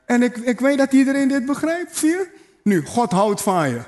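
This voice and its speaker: A pastor with a high voice, pitched well above most men's, preaches to his congregation. He hammers his points through repetition, calls out to the listeners, and slips in playful asides. His delivery is sing-song and a little mellow, at a moderate pace.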